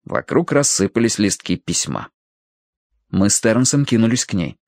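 A man reading a novel aloud as audiobook narrator, with expressive storytelling. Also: lowish voice, normal speed, dry recording, studio quality. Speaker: audiobook reader. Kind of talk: scripted narration.

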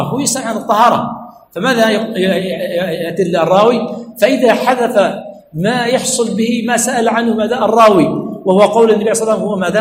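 High-voiced, quick sheikh teaching in echoey room. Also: male voice. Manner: rhetorical questions answered himself, repeats key words. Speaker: sheikh teaching hadith studies. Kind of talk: classroom lesson. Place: religious study center classroom. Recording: echoey room with faint ambient noise.

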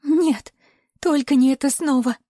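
A woman voicing a terrified young woman held captive, who pleads and screams in shrill bursts. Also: measured pace, warm tone, dry recording, clean studio sound.

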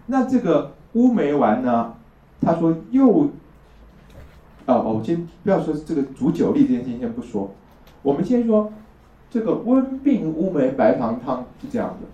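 A man's voice: medium pitch, mellow. A man teaching a traditional Chinese medicine class, explaining step by step and often checking that his listeners agree. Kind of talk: classroom lecture. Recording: distant roomy lo-fi lecture recording.

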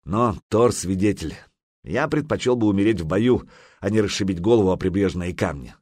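A man's voice: lively intonation, moderate pace, a little mellow, dry recording, clean studio sound. A man doing a grim, grudging viking helmsman. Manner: low, subdued, grudging.

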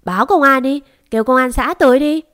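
A woman voicing a spiteful young servant girl who speaks in shrill, accusing tones. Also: lively intonation, a little fast, close to an everyday voice.

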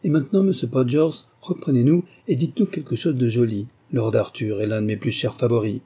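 An imperious society hostess speaks quick and emphatic, her voice lifted and pushed forward, as a man puts her on in a storybook. Beneath it the tone stays dark and husky. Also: mid-range voice, natural voice. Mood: brisk.

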